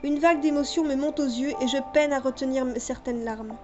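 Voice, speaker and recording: High-voiced woman narrating a story game. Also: steady tone, brisk. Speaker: visual novel narrator. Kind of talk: reading a fan-made story game aloud. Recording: dull lo-fi with music behind.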